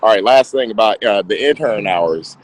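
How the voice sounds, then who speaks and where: A man's voice: lowish voice, moderate pace, poor audio. A man asking hesitant questions in an online class, his voice cutting in and out over a video call. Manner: hesitant, many fillers and restarts. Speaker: graduate student.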